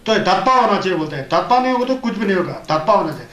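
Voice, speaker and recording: High-voiced man teaching in an echoey hall. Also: animated, rapid-fire, fairly bright tone. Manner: repetitive teaching with rhetorical questions; mixes Tibetan terms into Hindi. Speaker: Buddhist teacher. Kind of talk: Hindi dharma discourse. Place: teaching hall of a Buddhist centre. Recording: roomy echo.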